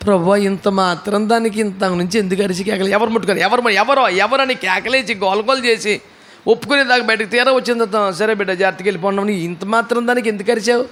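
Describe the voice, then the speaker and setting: A man's voice: sits high, fast, a bit bright. A male pastor preaching a sermon, telling a Bible story dramatically with voiced characters and rhetorical questions. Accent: Telugu. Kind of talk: Telugu sermon with acted Bible scenes.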